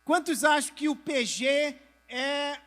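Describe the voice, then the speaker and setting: A man's voice: extremely high pitch, takes it slowly. A middle-aged male pastor preaching to church leaders, asking the audience questions and answering them himself, sometimes having them raise hands or turn to a neighbor. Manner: drops to a soft voice at moments. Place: church convention hall with a live audience.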